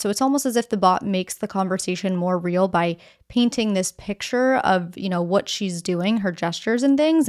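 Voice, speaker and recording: A woman's voice: medium pitch, a little mellow. A woman hosting a news podcast, explaining the day's stories in a conversational, direct way and walking through them step by step.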